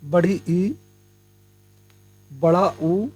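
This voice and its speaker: A man's voice: sits high, very slow, dark tone, no room sound. A young man teaching Hindi grammar for an exam, addressing viewers as friends and explaining step by step, asking questions and answering them himself. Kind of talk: exam-prep lesson.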